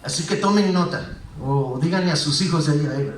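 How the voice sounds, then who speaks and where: A man's voice: a little high, fairly quick, slight background noise. A man preaching a sermon as a pastor, engaging the congregation with frequent questions. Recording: roomy echo, voice heard from a distance.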